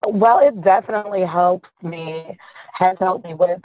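Raspy, hoarse woman on a phone-like line. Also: lowish voice, a little slow, dry recording. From southern United States. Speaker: podcast guest, author and motivational speaker. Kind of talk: conversational interview.

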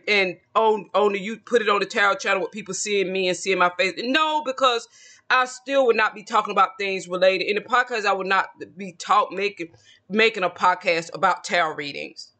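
A tarot video creator in his late forties speaks to camera in a high, bright, forceful voice. His casual solo monologue is self-assured and rambling, looping back to the same points again and again.

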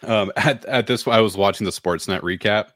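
A man co-hosting a podcast, chatting casually about sports, animated and quick to laugh. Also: fairly low pitch, dry recording, clean studio sound. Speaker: podcast co-host.

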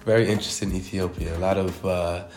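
A man's voice: low-pitched, fairly even intonation, quick pace. Guy doing a teasing casual interview, mid voice, roomy echo, music playing. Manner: playful, teasing, repeats words. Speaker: interviewer, host's husband.

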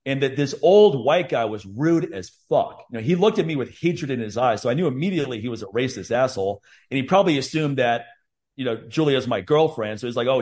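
A man's voice: medium pitch, darkish tone. A man hosting a podcast, talking bluntly and heatedly with a lot of swearing. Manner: blunt, profane, heated storytelling. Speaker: podcast host. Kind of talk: casual podcast chat.

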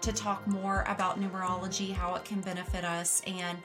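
A woman's voice: mid-range voice, level tone, a little fast, music in the background. A woman hosting a casual podcast interview, encouraging and affirming her guest. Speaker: podcast host.

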